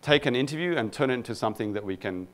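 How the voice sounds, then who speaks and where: A man's voice: mid-range voice, expressive, racing. A man from Egypt, a product manager, giving a casual conference talk to a live audience, with many fillers and self-deprecating asides.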